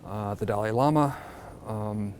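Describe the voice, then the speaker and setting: A man guiding a cathedral visit in casual interview talk, haltingly repeating words as he explains. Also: on the low side, a little mellow, a little hiss or hum. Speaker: cathedral guide.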